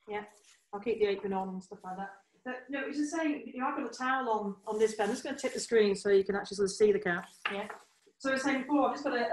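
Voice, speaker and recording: A woman therapist giving practical tips in a casual, chatty demonstration style. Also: medium pitch. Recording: echoey room, distant from the microphone.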